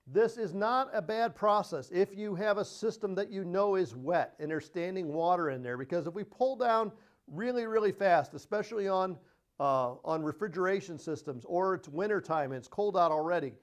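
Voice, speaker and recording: Male instructor, higher voice, plain-spoken lecture on equipment. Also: animated, moderate pace. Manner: plain-spoken, repeats key points. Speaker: HVAC trainer. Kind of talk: technical training presentation.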